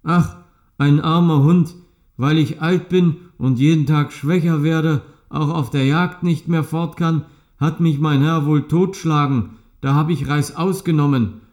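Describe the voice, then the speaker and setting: A man's voice: a little high, steady tone, a little slow, darkish tone, close to an everyday voice. A man reading a fairy tale, voicing an old, exhausted male hunting dog who laments. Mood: müde. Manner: tired, lamenting.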